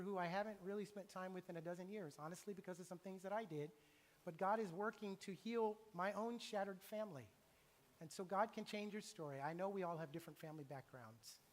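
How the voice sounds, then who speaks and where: A middle-aged man preaching a sermon in a church, earnest and confessional, talking in a conversational way. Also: high voice. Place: church sanctuary. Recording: long reverb of a church hall.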